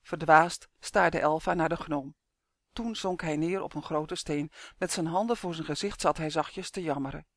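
A narrator reading a children's fantasy story in a steady, measured way. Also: mid-range voice, dry recording, studio quality. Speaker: audiobook narrator.

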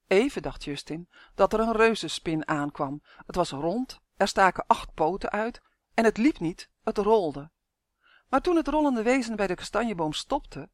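A woman reading a children's fantasy story aloud in a calm, even-paced narration. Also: medium pitch, no room sound, studio quality. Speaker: audiobook reader.

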